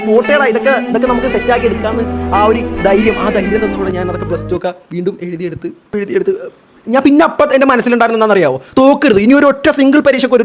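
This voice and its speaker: Fast-talking high-voiced young vlogger man. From Kerala. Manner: emotional, animated personal storytelling. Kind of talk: Q&A storytelling vlog.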